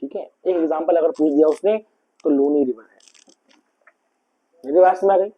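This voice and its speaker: A man's voice: fairly high pitch, moderate pace, breathy edge, lo-fi sound. A man giving a classroom lecture, mixing in English terms and keeps asking if the students have understood. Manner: mixes English terms into explanations. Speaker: teacher.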